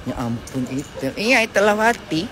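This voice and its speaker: A middle-aged woman ranting loudly and crudely to her viewers while walking a city street. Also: mid-range voice, noisy background. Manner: brash, loud, foul-mouthed ranting to viewers. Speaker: live streamer. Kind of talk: casual live-stream chat while walking. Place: outdoors on a city street with traffic.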